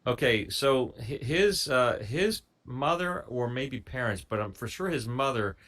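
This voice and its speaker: A man co-hosting a music reaction show, chatting in an easygoing, measured way and telling stories about the band. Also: mid-range voice, animated, fairly bright tone. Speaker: show co-host picking the music. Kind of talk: casual chat.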